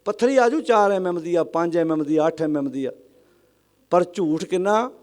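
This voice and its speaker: A man delivers a sermon in a high voice to a congregation. He presses his points with rhetorical questions and calls on the listeners to answer aloud. He slows down to chant lines of scripture. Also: a little mellow. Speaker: Sikh religious preacher.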